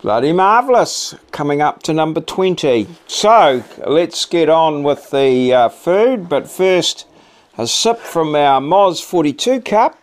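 A middle-aged man with a New Zealand accent, chatting casually to camera in a halting, laconic, blokey way. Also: a little high, sing-song. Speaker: vlog host. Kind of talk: casual chat to camera while eating. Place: small cluttered home office, indoors.

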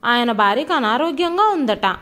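A woman's voice: on the high side, expressive, normal speed, fairly bright tone. Brief: angry, snobbish young son, harsh and scornful, woman reading him. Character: arrogant, angry young office-worker son.

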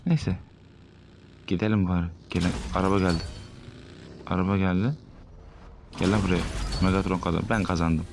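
A young man in his twenties from Turkey talks over his own shooter gameplay in a low-pitched voice. He is excitable and swears, and he bursts out loud at the enemies he sees. Game gunfire sounds clearly behind him. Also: background noise. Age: 20s. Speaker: gaming streamer. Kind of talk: live gameplay commentary.

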